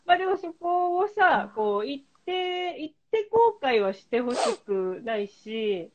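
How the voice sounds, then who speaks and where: A woman's voice: high-pitched, big pitch swings, unhurried, darkish tone, slight background noise. A woman hosting a podcast in casual chat, talking loosely with many fillers and steering the questions. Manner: chatty, lots of fillers, leading the questions. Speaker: podcast host. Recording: slightly dull lo-fi remote link.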